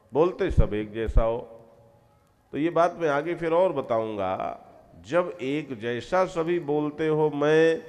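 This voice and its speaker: A man's voice: medium pitch, a little mellow, big-room sound. A man giving a devotional spiritual discourse to a gathering, explaining step by step and often urging listeners to pay close attention. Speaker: spiritual teacher.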